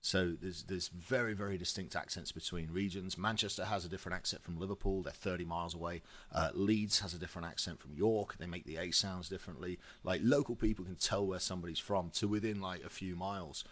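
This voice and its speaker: A man from Yorkshire with a softened English accent, hosting a casual interview and talking fast and chattily. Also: deep voice, fairly even intonation. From Yorkshire, England. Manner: fast, chatty, laughs often. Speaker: podcast host.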